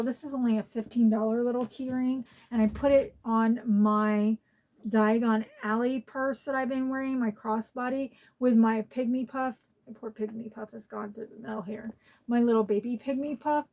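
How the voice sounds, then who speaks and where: A woman's voice: a little high, warm tone. A woman vlogging a casual haul in a chatty, rambling, heartfelt way.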